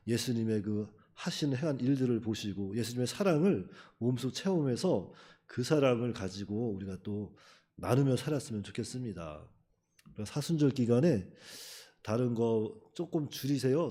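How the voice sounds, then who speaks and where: A man's voice: medium pitch, mellow. A man preaching a sermon as pastor, talking to the congregation in a chatty way, acting out quotes and chuckling between points. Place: church.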